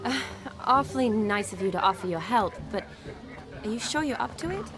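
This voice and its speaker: An actress playing a sensible, friendly woman companion in a video game, with a casual, gently questioning manner. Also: on the high side, animated, brisk, a crowd in the background. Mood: doubtful. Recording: loud game music behind the voice.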